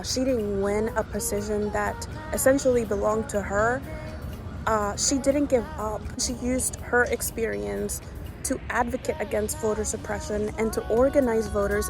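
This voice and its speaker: Earnest woman vlogger, gravelly voice. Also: mid-range voice, fairly even intonation, over music. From Honduras. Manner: earnest, halting, with many restarts. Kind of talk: casual reflective vlog talk.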